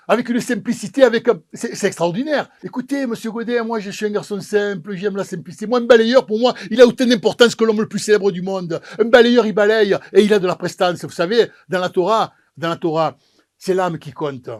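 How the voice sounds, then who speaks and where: A man spins a comic yarn about his own life, his voice sitting noticeably high for a man. He throws himself into the dialogue and acts out each character as the story unfolds. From Marseille, France. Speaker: pizza maker telling his story.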